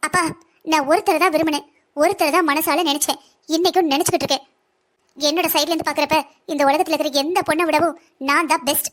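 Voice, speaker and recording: A woman voicing a defiant, arrogant young woman in a family cartoon, taunting and talking back in a quick, high voice. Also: fairly even intonation, fairly bright tone. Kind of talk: Tamil cartoon voice acting.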